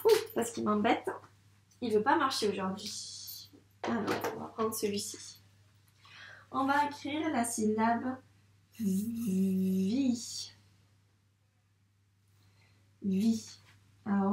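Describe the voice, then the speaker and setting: A woman teacher guides young children through a handwriting lesson in a patient, encouraging way, talking straight to the child. Her voice sits fairly high. The recording sounds roomy and echoey, with her standing a little away from the microphone. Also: recorded from a distance. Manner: slow, patient, encouraging, addresses the child directly. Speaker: first-grade teacher.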